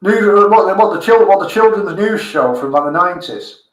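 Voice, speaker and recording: A man chatting casually on a podcast, quizzical and quick to laugh along with the others. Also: high voice, animated. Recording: roomy echo.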